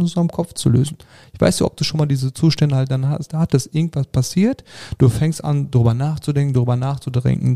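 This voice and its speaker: Gravelly, dark-voiced male life coach. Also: medium pitch. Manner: explanatory, with many fillers and restarts. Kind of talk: casual interview talk.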